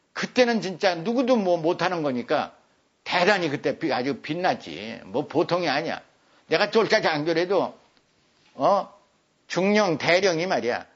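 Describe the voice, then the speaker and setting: An older man giving a lecture, repeating words for emphasis. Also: a little high. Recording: dull lo-fi recording.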